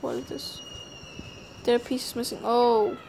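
A woman with a high voice plays as a scared horror game streamer. She comments casually at a slow pace, jumpy and prone to exclaiming and swearing. The recording has clear background noise. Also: expressive, a little mellow. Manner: freely swearing. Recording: clearly noisy home gameplay recording.

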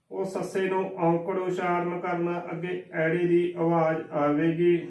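Slow, patient male teacher. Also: sits high. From Punjab. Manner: patient, spells letter by letter, repeats each word slowly. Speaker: gurbani pronunciation teacher. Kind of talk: slow spelled-out recitation lesson. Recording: echoey room, voice from a distance.

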